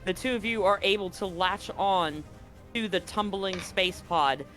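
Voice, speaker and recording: With an unhurried voice that sits high, this game master guides a sci-fi tabletop roleplaying session, chatting through rules and adding some drama to his scene narration. Faint, soft background music runs under his speech.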